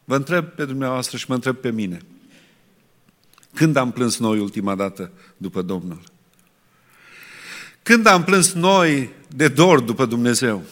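A man preaching a sermon, asking rhetorical questions and pausing often to restart. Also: mid-range voice, a bit bright. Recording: long reverb in a hall.

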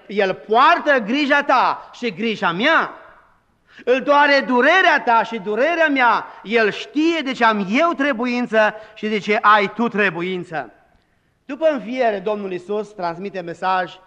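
Man, pastor, emphatic sermon, bright voice, long hall reverb. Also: high-pitched, lo-fi sound. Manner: emphatic preaching, dramatic quoted lines.

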